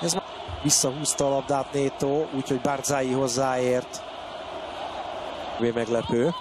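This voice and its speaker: A man with a Hungarian accent giving excited live football commentary that bursts into shouts, as a match commentator. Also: medium pitch, a crowd in the background. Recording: clear outdoor stadium noise behind. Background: stadium ambience.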